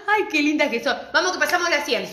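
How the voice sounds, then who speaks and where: Argentine woman, middle-aged, craft teacher, bright voice, chatty and affectionate, echoey room. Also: high voice, lively intonation, fast. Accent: Argentine Spanish. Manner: chatty, affectionate greetings to viewers. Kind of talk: live-stream craft class.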